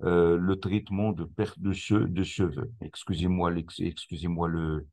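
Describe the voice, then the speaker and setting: A man presenting a screen-recorded software tutorial, explaining step by step with many hesitations and restarts. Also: low-pitched, little pitch movement, unhurried, gravelly. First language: not English; speaks French.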